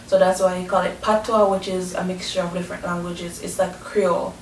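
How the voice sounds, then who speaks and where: A Jamaican woman with a Jamaican accent presents an educational talk explaining language and culture, speaking fairly quickly with little pitch movement. The distant mic picks up a roomy echo and a faint rumble.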